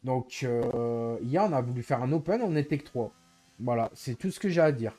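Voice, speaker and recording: Male streamer, mellow voice, exasperated, repeating himself to chat. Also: medium pitch, moderate pace. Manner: exasperated, explaining himself over and over. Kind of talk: casual live-stream chat to viewers.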